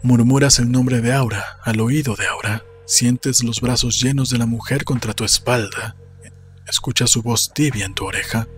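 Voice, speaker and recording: The speaker is a male audiobook narrator giving a measured, solemn reading of literary fiction at medium pitch with a steady tone. Recorded in a small indoor space on a close desk microphone, headphones on, the scripted narration has soft music underneath.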